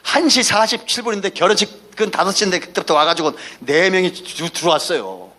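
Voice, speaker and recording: A high, animated male voice with a sharp tone moves at a fairly quick clip through a Sunday sermon. The pastor is folksy and emphatic, blending anecdotes and asides while calling out for the congregation's responses.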